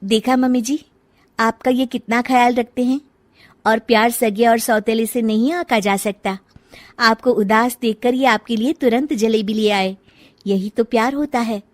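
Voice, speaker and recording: An outspoken young daughter-in-law played by a woman in a family drama tale, with a highish voice. She chides and coaxes expressively, heard close in a dry recording. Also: fairly even intonation, a little slow, dry recording, close to an everyday voice. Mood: coaxing. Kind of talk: acted dialogue in a family audio story.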